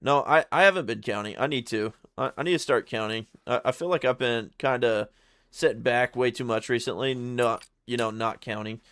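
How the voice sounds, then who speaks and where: A man's voice: mid-range voice, moderate pace, fairly bright tone, no echo. A man chatting casually on a live stream while he plays, laid-back and slangy, often stuttering and repeating his words. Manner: slangy, laid-back, calls viewers brother and dude.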